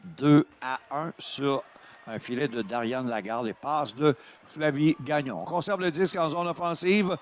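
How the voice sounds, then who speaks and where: A man with a Quebec French accent doing excited sports commentary as a play-by-play announcer, exclaiming over the action. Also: fairly high pitch, unhurried, muffled recording, a little hiss or hum. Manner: exclaims over plays, voice surging at shots and goals.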